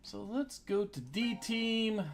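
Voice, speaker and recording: A man's voice: sits high, expressive, slow pace. A man giving casual live commentary as he streams a video game.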